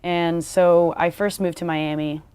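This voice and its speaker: A young woman from New York, a musician being interviewed, speaking in a relaxed, upbeat way. Her voice is smooth and clear and sits a little low for a woman. The recording is close and dry. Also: unhurried, no room sound. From born in the Philippines, grew up in New York. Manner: relaxed, upbeat, uses fillers like "like" and "you know". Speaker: musician guest. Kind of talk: casual interview chat.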